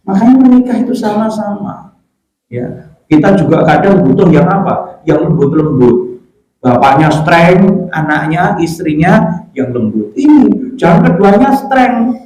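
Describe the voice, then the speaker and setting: A middle-aged man with a Javanese accent preaching a mosque study sermon, lively and joking with the congregation. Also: sits high, a little hiss or hum. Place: mosque hall. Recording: echoey mosque hall.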